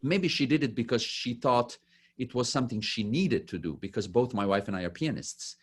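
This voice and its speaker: A man's voice: expressive, fairly quick, slightly rough. A middle-aged man from Italy, a pianist and professor, chatting as a guest and telling family stories, acting out quoted lines in a lifted voice. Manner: warm storytelling, acts out quoted lines in a higher voice. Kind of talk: casual interview chat.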